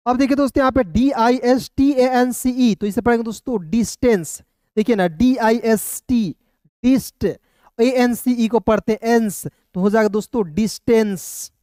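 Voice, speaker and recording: Patient man spelling words out slowly. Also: very high voice, dark tone, dry recording, studio quality. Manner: spells words out letter by letter, then asks and answers his own question; patient, repetitive, often says "clear" and "friends". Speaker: English teacher. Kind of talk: step-by-step spelling and pronunciation lesson.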